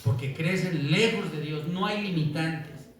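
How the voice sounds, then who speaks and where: A man preaching a sermon as pastor, telling stories with lively acted-out voices and often asking "¿verdad?". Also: on the high side, measured pace, distant mic. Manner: animated storytelling, acts out quoted voices, asks "¿verdad?" often. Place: church. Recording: echoey church, voice from off-mic.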